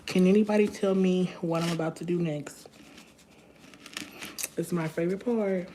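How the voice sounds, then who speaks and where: Woman, young adult, casual livestream cooking chat, rambling, home kitchen, lowish voice, noisy audio. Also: fairly even intonation, normal speed. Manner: chatty, loose and rambling, talks straight to viewers.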